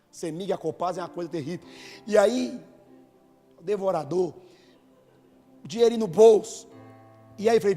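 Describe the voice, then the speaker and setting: A Brazilian man with a high voice preaches a sermon. He tells a personal story, then builds to loud, fervent preaching. His voice rings through a large, reverberant hall with faint music underneath. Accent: Brazilian Portuguese. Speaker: pastor. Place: church hall.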